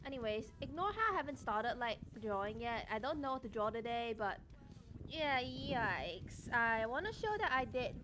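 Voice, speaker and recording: A woman's voice: fairly high pitch, sing-song, moderate pace, noisy background. A young woman chatting casually on an art livestream in a playful, teasing manner. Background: background music.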